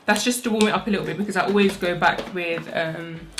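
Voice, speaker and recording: A makeup vlogger talks fast in a sleepy, fairly bright voice that sits on the low side with a steady tone. Doing a casual get-ready-with-me tutorial indoors at home on her own microphone, she chats in a rushed way full of fillers, with faint music behind her.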